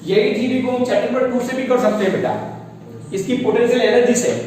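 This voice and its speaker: A man's voice: very high-pitched, brisk, darkish tone, a little hiss or hum. A male physics teacher lecturing a class, often calling the students "beta" and checking whether they understand. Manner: calls students "beta", asks checking questions. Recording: echoey classroom from far off.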